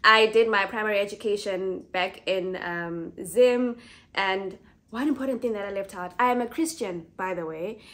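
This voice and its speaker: Zimbabwean woman, 20s, easygoing vlogger, casual chat to camera, mid-pitched. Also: normal speed. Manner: chatty, warm, laughs easily, self-correcting.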